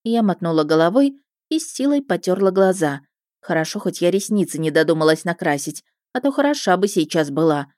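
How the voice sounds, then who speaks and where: Woman reading a story out loud, lowish voice, expressive, dry close sound. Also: fairly quick, no echo. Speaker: audiobook narrator. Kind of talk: first-person story narration.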